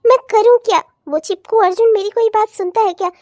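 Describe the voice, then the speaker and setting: A woman's voice: very high-pitched, fairly even intonation, a little fast, mellow, no room sound, clean studio sound. A woman voicing a troubled young bride in a cartoon, speaking with anguish. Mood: worried. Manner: emotional, anguished. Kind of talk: cartoon voice acting.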